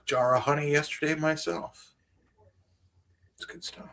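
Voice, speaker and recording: A man's voice: fairly high pitch, steady tone, measured pace, creaky, crowd noise. A man hosting a casual podcast chat, rambling and hesitant, often restarting his sentences.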